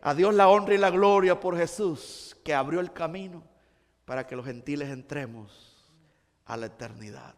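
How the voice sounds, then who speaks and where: A man preaching a sermon as pastor, moving between hushed storytelling and rising emphatic passages. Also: fairly high pitch, normal speed, long reverb tail. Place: church sanctuary.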